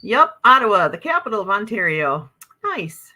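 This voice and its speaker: A Wisconsin woman with an Upper Midwest American accent hosts a casual livestream, reading viewer comments aloud in a bubbly, exclamatory way. Her mid-range voice has a sharp tone, big pitch swings, and a moderate pace.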